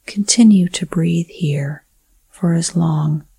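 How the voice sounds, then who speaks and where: A woman whispers a guided breathing meditation in a slow, unhurried, soothing way. Her breathy voice sits a little low and mellow, recorded close and dry with no room sound. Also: no echo.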